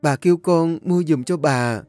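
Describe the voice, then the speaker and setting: A man's voice: fairly high pitch, unhurried, a little mellow, dry recording, clean studio sound, soft background music, pitched above the performer's own voice, lightly acted. A man voicing a timid young maid who explains herself meekly. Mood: defensive. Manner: meek, explaining.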